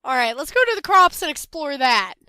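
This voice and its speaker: Reading a text adventure aloud and commenting as she goes, this young let's play gamer is hoarse as she recovers from a cold. She laughs often and swears loudly when caught off guard. Her high voice has lively intonation and a brisk pace, captured in a dry recording.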